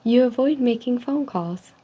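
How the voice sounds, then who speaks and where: A woman speaking softly in an ASMR role-play, reading survey statements in a polite, measured customer service manner. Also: fairly high pitch, lively intonation. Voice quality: soft, hushed. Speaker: ASMR role-player as call center agent giving a personality survey. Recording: dull lo-fi sound with faint noise.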